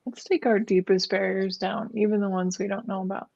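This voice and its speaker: A woman hosting a podcast, who opens with a soft guided meditation and speaks of her guest in gushing terms. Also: mid-range voice, flat delivery, a little fast, vocal fry, dull audio. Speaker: podcast host. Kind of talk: podcast interview.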